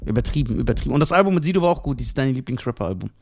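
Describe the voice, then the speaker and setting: A man's voice: medium pitch, lively intonation, racing, vocal fry, darkish tone. A man co-hosting a casual podcast, joking around and laughing often. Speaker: comedian and podcast co-host. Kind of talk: casual banter.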